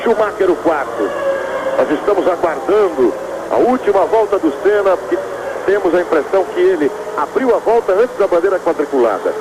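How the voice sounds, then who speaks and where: A man with a Brazilian accent gives live motorsport commentary on a qualifying session in a high-pitched, lively voice, talking a little fast. Loud racing car engines and track noise sit behind him.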